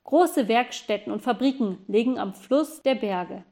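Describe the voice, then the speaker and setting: Woman, audiobook narrator, calm, even, slightly high voice, storytelling. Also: unhurried.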